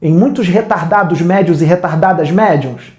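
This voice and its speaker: A man's voice: high-pitched, normal speed, a little mellow, reverberant. Blunt scolding Brazilian man. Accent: Brazilian Portuguese. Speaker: spiritual medium. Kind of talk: spiritual lecture.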